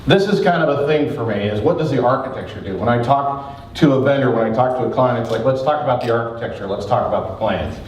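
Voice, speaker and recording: A conference presenter with a big mid-range voice gives a lively talk, fast-talking, joking, and energetic. He sounds far from the mic, with the hall producing a strong echo over faint room noise.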